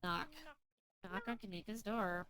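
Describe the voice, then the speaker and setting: A woman reading the narration of a story game aloud in a measured, storytelling way. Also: mid-range voice, fairly even intonation, very noisy.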